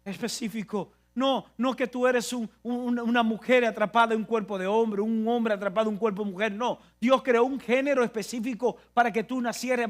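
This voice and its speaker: A man with a Dominican Spanish accent preaching a sermon, emphatic and repetitive, often restarting his phrases. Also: extremely high pitch.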